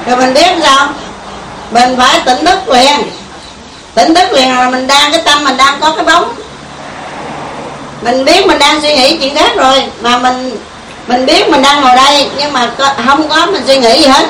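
She has a high-pitched and fairly bright voice and a Southern Vietnamese accent. Her informal Buddhist meditation talk to a group is conversational, full of questions for her listeners. The recording has room echo, a far-off mic, and faint hiss.

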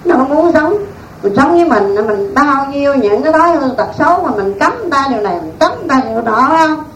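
A Buddhist nun gives a dharma talk in a folksy, animated storytelling style, laughing along the way. Her voice is high and fast, picked up by a distant mic in an echoey room with faint noise.

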